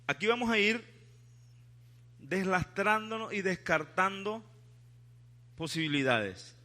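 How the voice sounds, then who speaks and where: A man's voice: high-pitched, bright, forceful tone. A male pastor preaching a sermon in church, questioning the congregation and leading responses. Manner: asks the congregation questions, leads call-and-response.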